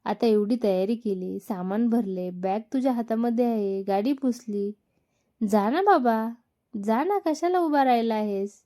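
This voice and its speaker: A woman's voice: on the high side, measured pace, warm tone, close to an everyday voice. A woman voicing a middle-aged mother in a read-aloud story, teasing and scolding her son. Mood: impatient.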